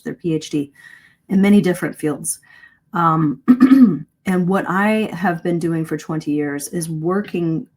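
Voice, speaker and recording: Her voice is low and somewhat dark as this middle-aged woman teaches English pronunciation in a live-streamed webinar. She is earnest and conversational, frequently correcting herself partway through sentences.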